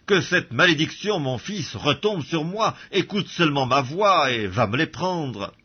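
A man's voice: a little high, lively intonation, measured pace, breathy edge, muffled recording, pitched above the performer's own voice. A man reading as a scheming commanding mother. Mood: urgent.

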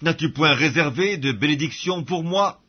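A man reading the part of a bitter, wronged elder son, pleading in a husky voice on a dull recording. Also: fairly high pitch, normal speed, voice pushed up.

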